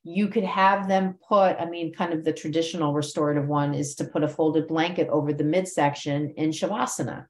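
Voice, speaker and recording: Lower-voiced woman teaching yoga cueing. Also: fairly even intonation, a little fast, hardly any pauses, roomy sound, slight background noise. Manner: conversational, uses vocal inflection to demonstrate cues. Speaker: yoga teacher trainer, podcast host. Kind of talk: teaching talk.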